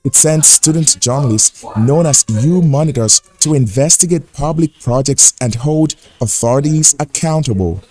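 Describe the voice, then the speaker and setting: A man narrates a news report at a middle pitch, his delivery steady and measured. It is scripted correspondent narration with an even, unhurried tone.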